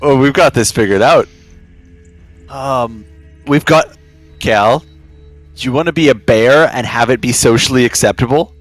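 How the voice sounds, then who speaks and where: Guy playing a tabletop rpg, average pitch, casual and keen, stops and starts, faint music under it. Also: unhurried, long pauses, no echo. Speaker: tabletop game player. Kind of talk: casual in-game chat.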